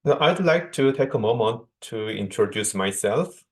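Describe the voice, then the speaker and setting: A man from South Korea, a native Korean speaker with a Korean accent, giving a measured conference keynote over a video call with small restarts. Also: mid-range voice, animated. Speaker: guest speaker, associate professor.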